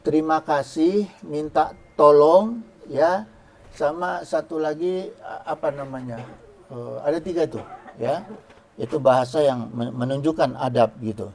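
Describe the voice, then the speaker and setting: A man giving a relaxed, joking religious lecture to women, chanting Arabic phrases slowly. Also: fairly high pitch. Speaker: preacher.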